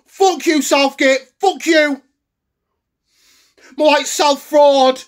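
A man playing an angry young football fan in a comedy sketch, ranting and swearing with shouted bursts. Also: very high-pitched, very slow, exaggerated voice. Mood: furious. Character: furious English male football fan ranting. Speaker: comedy character.

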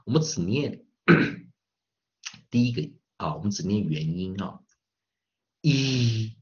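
A male pronunciation teacher with a low voice, leading a lesson at an unhurried pace. He asks the class rhetorical questions and drills each word by repeating it slowly and stretching it out. The recording sounds dull and lo-fi. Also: sing-song.

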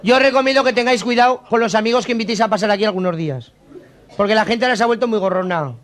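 Aragonese guy rattling off jokes, high voice, folksy village manner, old cassette tape. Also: rapid-fire. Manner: folksy rural character voice, full of diminutives. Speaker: stand-up comedian. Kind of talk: live joke-telling routine. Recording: 1991 cassette tape of a live show.

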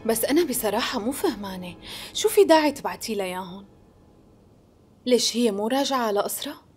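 A woman with a Syrian Arabic accent dubbing a scheming, smooth-talking sultan's wife, coaxing and polite with a pointed edge. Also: on the high side, lively intonation, fast talker, faint music behind. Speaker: dub actress. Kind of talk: dubbed TV period drama.

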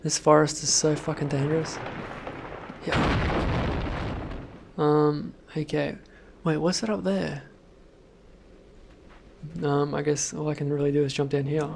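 A man commentating gameplay, swearing constantly and shouting at sudden deaths in a noisy home recording. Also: a little high, level tone, a little slow, vocal fry, pauses often. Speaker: let's play gamer.

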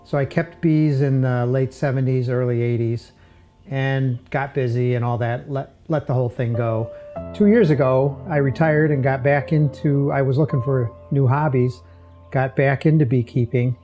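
A man in his sixties, an amateur beekeeper from upstate New York, explaining his hives in a relaxed, halting way with many fillers, recorded outdoors in a backyard. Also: medium pitch, faint music behind. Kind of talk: casual explanation while working.

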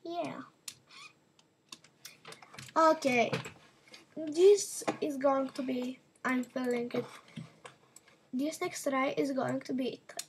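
A woman's voice: high voice, steady tone, slow, long pauses, slight background noise. A woman giving casual, rambling commentary to her viewers while she plays a game. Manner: chatty and rambling, talking to viewers while playing. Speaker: gaming channel host.

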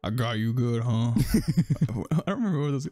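A man's voice: mid-range voice, animated, normal speed, warm tone, dry recording, studio quality, soft background music. A man chatting and joking with friends while playing a horror game, laughing often and teasing. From part Irish. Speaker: gaming channel co-host. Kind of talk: casual let's-play banter.

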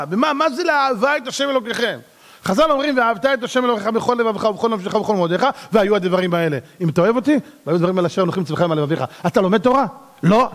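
A rabbi giving an animated sermon, acting out little dialogues and shouting at the peaks. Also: male voice, sits high, big-room sound.

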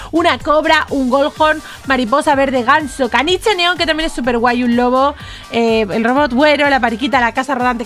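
High-pitched lady gamer chatting away over trade offers, faint music behind. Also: a bit bright. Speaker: gaming YouTuber. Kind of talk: casual gameplay commentary.

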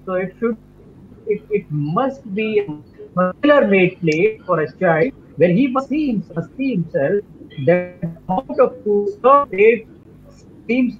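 Doctor, man, conference-call audio, tinny, halting lecture. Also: high-pitched. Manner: halting, lecturing, many restarts. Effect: video conference call audio. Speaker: doctor panelist. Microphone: remote video call. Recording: tinny breaking video-call line.

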